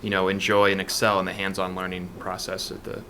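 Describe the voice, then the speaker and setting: A board member at a town meeting, speaking quickly and appreciatively from a distance. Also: male voice, low-pitched, monotone, bright, forceful tone. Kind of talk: public meeting remarks. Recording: distant from the mic, faint noise.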